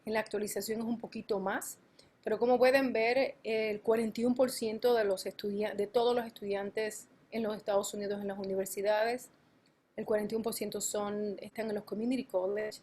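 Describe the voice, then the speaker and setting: A campus administrator from a college presents on a conference panel, on stage or remotely, in a mid-range, level, slightly mellow voice. She speaks haltingly, frequently using fillers and stopping to correct herself.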